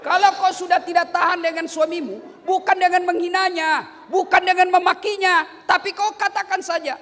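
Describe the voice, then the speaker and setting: A middle-aged man preaches a comic sermon in a high, lively voice. He banters with his listeners and turns loud for his punchlines. His voice carries a long hall echo over faint room ambience. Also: moderate pace, a faint crowd, a little hiss or hum. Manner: animated, bantering, swings from quiet asides to shouted punchlines.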